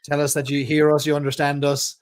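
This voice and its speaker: A man's voice: on the high side, completely flat delivery, fairly quick, clean tone. Jokey man calling bingo numbers. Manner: jokey, wisecracking. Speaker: bingo caller and co-host of a live online game. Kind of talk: bingo calling with rhymes and casual banter.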